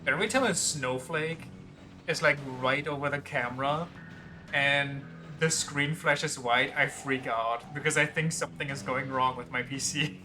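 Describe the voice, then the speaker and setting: A man's voice: medium pitch, unhurried, over music. A man giving casual livestream game commentary, joking and rambling as he goes. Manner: joking, rambling, reads game text aloud. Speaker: VTuber streamer.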